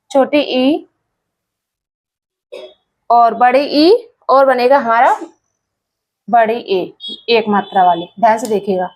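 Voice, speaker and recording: A woman who teaches English pronunciation, speaking patiently, repeating words and spelling them out letter by letter. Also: sits high. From India.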